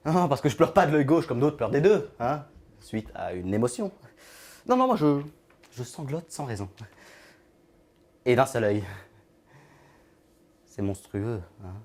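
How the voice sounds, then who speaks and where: An actor playing an odd, lonely man with an invisible friend, talking in a halting, rambling way that trails off into murmurs. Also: medium pitch, sing-song, darkish tone. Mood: musing. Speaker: actor in a short film monologue. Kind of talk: film monologue.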